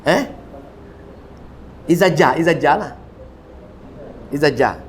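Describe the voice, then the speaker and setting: A man with a Malaysian Malay accent giving a Quran commentary lecture, telling stories with lively swings of voice for quoted figures and repeating words for emphasis. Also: a little high, takes it slowly, slight background noise. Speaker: religious teacher.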